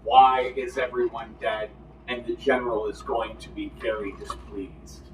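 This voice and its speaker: A man putting on a gruff, hulking goblin boss. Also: medium pitch, little pitch movement, measured pace, background noise, pitched below the performer's own voice, close to an everyday voice. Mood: alarmed. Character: large gruff-voiced male goblinoid boss. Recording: echoey room, distant mic.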